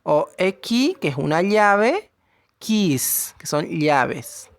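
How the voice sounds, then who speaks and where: A woman's voice: fairly low pitch, sing-song, very slow, no echo, studio quality. A woman teacher, explaining English grammar to her pupils and checking after each point that they follow. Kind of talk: recorded classroom lesson.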